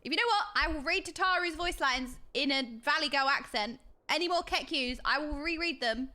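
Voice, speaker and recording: A woman livestreaming a video game with playful, excitable commentary and exaggerated reactions. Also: high voice, fairly quick. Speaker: streamer playing a video game. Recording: game music behind the voice.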